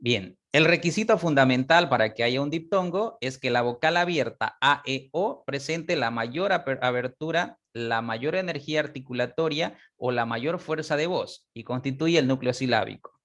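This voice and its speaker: A man teaching a class, explaining step by step, repeating example words slowly and often checking that students follow. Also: medium pitch, fairly bright tone. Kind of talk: online class lecture.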